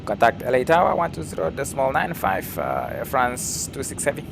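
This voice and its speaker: A man on a cockpit headset mic reads back radio clearances and calls out a checklist in short, clipped aviation phrases. His voice sits in the middle of the male range. A steady hum of engines and fans fills the background. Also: mid-range voice, brisk. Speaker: flight sim streamer. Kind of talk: pilot radio readbacks and checklist callouts.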